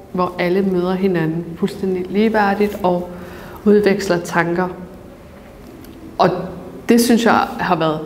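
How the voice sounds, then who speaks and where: A woman's voice: mid-range voice, a little mellow. A woman in her thirties talks earnestly and reflectively, stopping often to find her words. Her mid-range voice is picked up on a lapel mic. A long reverb from the large museum gallery hangs behind her, along with a faint hiss. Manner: earnest, thoughtful, with many pauses and fillers. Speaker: author and debater. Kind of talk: reflective interview.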